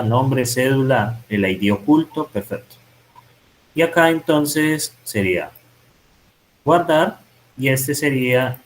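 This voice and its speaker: A man's voice: medium pitch, slight background noise, poor audio. A man teaching programming, thinking aloud and correcting himself as he types code in a screen-recorded lesson. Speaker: programming instructor. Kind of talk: live-coding tutorial.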